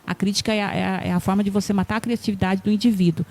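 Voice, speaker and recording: Brief: Brazilian female teacher, mid-pitched, earnest and explanatory TV guest. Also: fairly even intonation, very fast, a little mellow. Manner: earnest, explanatory, repeats key points. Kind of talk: TV studio interview.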